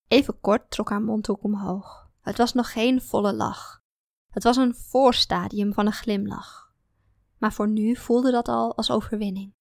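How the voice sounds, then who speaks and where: A woman's voice: medium pitch, dry recording, studio quality. A woman reading a first-person story aloud in a confiding, introspective manner. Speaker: audiobook narrator. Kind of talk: first-person scripted narration.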